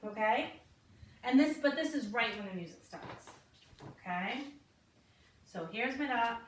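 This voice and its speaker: A woman teaching a children's ballet class, slowly naming and counting the steps as she demonstrates them. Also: a little high, lively intonation. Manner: slow, encouraging, counts and names steps while demonstrating. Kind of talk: online kids' ballet class instruction. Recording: roomy, from a distance, faint noise.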